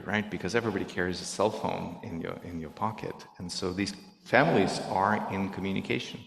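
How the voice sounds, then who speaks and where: A middle-aged native Russian speaker, a guest at a service, gives a reflective talk to a congregation in a synagogue sanctuary. His low, creaky voice is earnest and halting as he searches for words, and the echoey hall adds long reverb.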